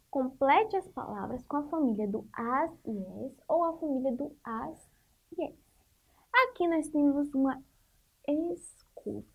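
Brazilian teacher lady, high voice, slow and patient, stretches syllables for little kids. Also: narrow, tinny audio. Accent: Brazilian Portuguese. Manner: patient, drawn-out syllables for children. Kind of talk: first-grade Portuguese lesson.

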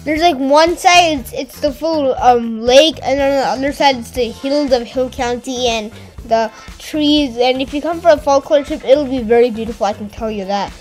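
A woman's voice: high voice, moderate pace, darkish tone, faint music behind, rough recording. A woman narrating a travel vlog in a casual voice-over, chatty, with frequent fillers and restarts. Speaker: travel vlogger.

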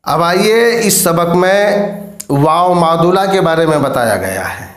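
A man teaching Urdu reading, spelling words out letter by letter in a slow, drawn-out manner. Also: a little high, expressive, echoey room.

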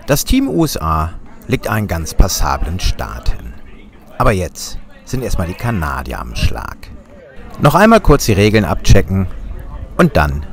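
A man's voice: deep voice, huge pitch swings, a little slow. A German man narrating a sailing vlog in a wry, dryly humorous voice-over.

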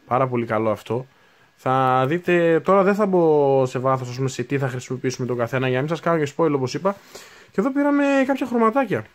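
A man's voice: mid-range voice, expressive. A man in his twenties chatting casually as he unboxes new hobby supplies, thinking aloud and correcting himself as he goes. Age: 20s. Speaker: unboxing video host.

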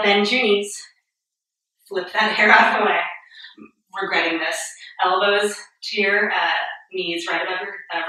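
A woman in her thirties leading a guided yoga class, cueing each move calmly and a little out of breath. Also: medium pitch. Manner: calm step-by-step cueing, a little breathless and joking. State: a bit out of breath. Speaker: yoga instructor. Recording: very echoey room, voice far from mic.

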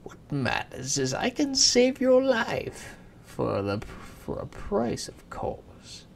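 A man's voice: sits high, wildly swooping pitch, slow pace, creaky, slight background noise, voice pushed up, exaggerated voice. A man voicing a sly, snappish little imp who bargains.

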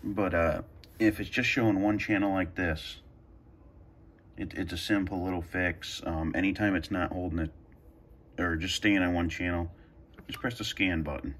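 Pressing buttons on a radio scanner, a male video host thinks aloud in a hesitant, off-the-cuff tutorial recorded in a carpeted room at home. His low-pitched, husky voice stays fairly even in intonation. He talks at a normal speed with a fairly bright tone.

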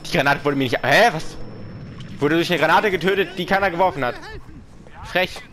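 A man's voice: fairly high pitch, fairly quick, a bit bright. A man giving casual, slangy gameplay commentary, reacting in short exclamations. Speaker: gaming video maker. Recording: game gunfire and noise behind. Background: video game gunfire and vehicles.

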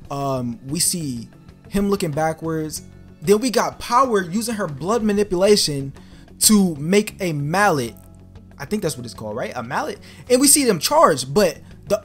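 A young man giving casual, excited commentary as he reacts to an anime preview, slangy and exclamatory, thinking aloud. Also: a little high. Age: young adult. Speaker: reaction video creator. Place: small bedroom, indoors.

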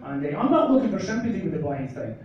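A middle-aged comedian from northeast Scotland, with the region's accent, does a deadpan, self-mocking stand-up set in a small club, gesturing a lot, speaking fast in a slightly high voice into a handheld mic. It's filmed from far back in the crowd, so the club sounds echoey and distant, with crowd laughter and the highs cut off.

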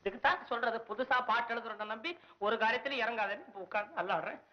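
In a 1960s film, an actor plays a poor, nervous male poet, and his voice comes across as expressive, a bit quick, and cheeky. He sounds frantic and whiny, leaping between high and low notes, all on a dull old film soundtrack.

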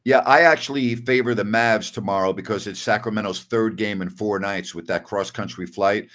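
Low-voiced older man, emphatic sports host. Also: steady tone, moderate pace, a bit bright. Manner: emphatic, opinionated, repeats key words. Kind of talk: postgame basketball talk show.

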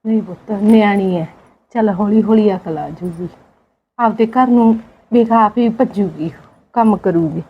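A woman acting as a meek elderly village mother in a homemade family drama, speaking softly in a pleading, resigned way. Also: mid-range voice, measured pace, slightly rough, phone-quality sound. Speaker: neglected old mother in a family skit.

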